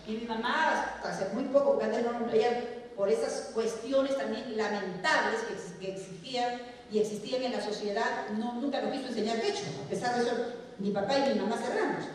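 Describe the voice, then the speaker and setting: A middle-aged woman from Peru with a Peruvian Spanish accent lectures a hall full of teachers, often posing questions and answering them herself. Her voice is on the high side with a darkish tone. The large hall sounds echoey and is recorded from far off, with slight background noise.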